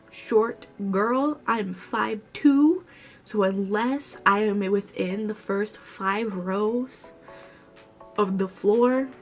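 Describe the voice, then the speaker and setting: Chatty young woman telling a story. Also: medium pitch. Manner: chatty, expressive, rambling retelling. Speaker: vlogger. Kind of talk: casual storytelling to camera.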